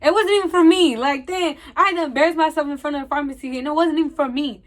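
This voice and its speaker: High-voiced young woman telling a story. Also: fast. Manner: animated storytelling, acting out quoted dialogue. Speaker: vlogger. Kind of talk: storytime vlog.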